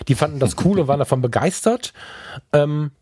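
A man co-hosting a podcast, talking casually and colloquially, lively and sometimes stammering. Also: on the high side, brisk, breathy edge, dry recording, clean studio sound. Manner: energetic, colloquial, stammers at times. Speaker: podcast co-host and photographer.

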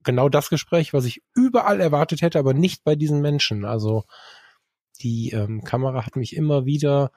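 Mellow-voiced man telling travel stories. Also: mid-range voice, brisk, no room sound, studio quality. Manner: rambling, many fillers and self-corrections. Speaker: guest photographer. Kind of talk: casual storytelling in a podcast conversation.

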